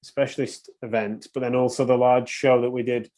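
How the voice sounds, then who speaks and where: A man's voice: mid-range voice, level tone, normal speed. A man hosting a podcast interview, enthusiastic and prone to restarting his sentences. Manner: hesitant restarts, warm enthusiasm. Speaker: podcast host.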